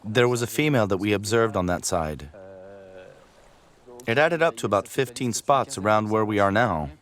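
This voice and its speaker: A man's voice: lowish voice, animated, moderate pace. A man giving explanatory commentary as a wildlife photographer in a nature documentary.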